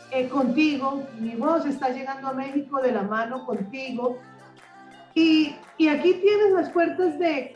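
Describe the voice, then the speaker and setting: Enthusiastic woman in her fifties, high voice. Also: a little mellow, echoey room, distant mic, dull audio. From Colombia. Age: 50s. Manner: enthusiastic, repeats words while searching for them. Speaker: guest, communicator and author. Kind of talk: radio interview conversation.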